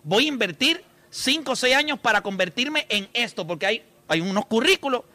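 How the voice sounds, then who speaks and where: A man's voice: extremely high pitch, animated, a little fast, pushed and bright, no room sound. A man with a Puerto Rican accent co-hosting a radio talk show, telling stories bluntly and emphatically, now and then swearing. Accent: Puerto Rican Spanish. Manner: emphatic, blunt storyteller who swears and addresses listeners. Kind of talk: casual chat.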